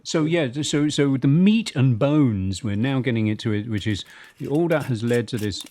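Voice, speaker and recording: A man's voice: medium pitch, expressive, moderate pace, a little mellow. Chatty man, enthusiastic co-host. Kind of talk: casual podcast chat.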